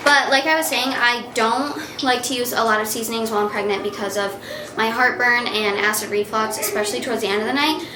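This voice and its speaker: A woman's voice: on the high side, fairly quick, noisy background. A young woman vlogging in casual chat from her bedroom at night, chatty and filling her talk with "like". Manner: chatty, uses "like" a lot.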